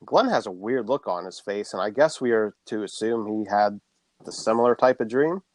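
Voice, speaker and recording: A man's voice: on the low side, moderate pace, darkish tone, no echo. A man co-hosting a podcast, casually recapping a horror film plot and swearing freely.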